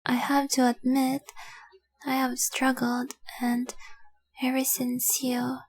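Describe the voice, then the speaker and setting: In an intimate romantic audio drama, a woman plays a devoted, remorseful young fiancée of dragon blood, confessing hesitantly. She speaks slowly, earnestly and tenderly in a high, breathy near-whisper, her monotone delivery keeping the melody narrow and gentle.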